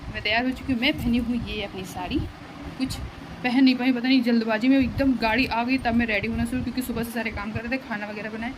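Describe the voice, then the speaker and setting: A woman's voice: fairly high pitch, steady tone, fast talker. Give me a young woman chatting casually to her vlog audience at home, recorded on a phone with background noise. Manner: chatty, pleading and laughing with family. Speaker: vlogger. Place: home, moving around while packing.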